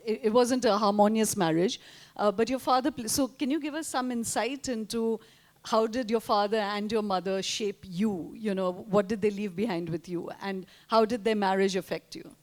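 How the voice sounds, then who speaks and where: A woman's voice: medium pitch, darkish tone. A woman, conducting a conversational live interview.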